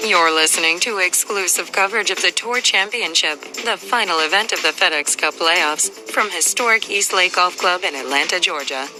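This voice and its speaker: Lady radio announcer reading a scripted sports intro, lowish voice, loud music bed. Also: moderate pace, hardly any pauses, rough recording.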